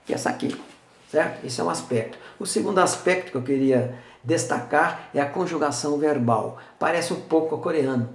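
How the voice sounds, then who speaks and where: A man's voice: on the high side, a little fast. An older man with a Brazilian Portuguese accent gives a chatty, informal lesson, often checking in with his listeners. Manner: chatty, checks in with frequent tag questions. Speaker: language presenter. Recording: roomy echo.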